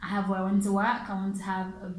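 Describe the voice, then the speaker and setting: She's a pronunciation teacher from Africa who speaks English as a second language, fielding viewer questions informally while laughing frequently and repeating herself. She talks fast in a monotone, mid-range voice, and the sound is roomy.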